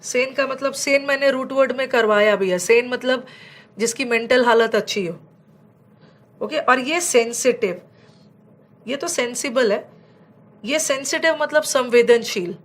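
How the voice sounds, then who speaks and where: A woman teaching an English vocabulary lesson with an Indian accent, explaining in Hindi and slowing down to read out English example sentences. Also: fairly high pitch.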